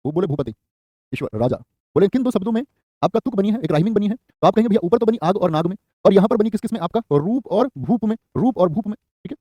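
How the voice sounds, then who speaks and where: Guy teaching an online exam class, quick and repetitive, high mellow voice. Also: animated, no room sound. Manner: quick, repetitive dictation, calls students by name.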